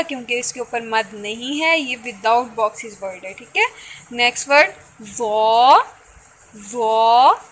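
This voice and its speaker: A woman Tajweed teacher, patiently teaching an online lesson and drawing out each letter slowly. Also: high voice, bright, forceful tone, low-quality recording. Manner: slow drawn-out recitation of letters; patient, repeats "theek hai" often.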